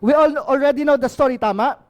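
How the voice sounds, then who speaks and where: A Filipino pastor with a Filipino accent preaches a passionate sermon, frequently calling on the congregation for an amen. His voice is very high-pitched and a little fast.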